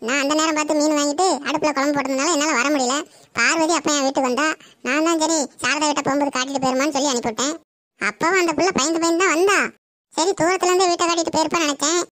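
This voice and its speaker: A woman's voice: sits high, steady tone, racing, fairly bright tone, no room sound, clean studio sound. A woman voicing a chatty, fussing village neighbor with a Tirunelveli Tamil accent, gossiping and making peace.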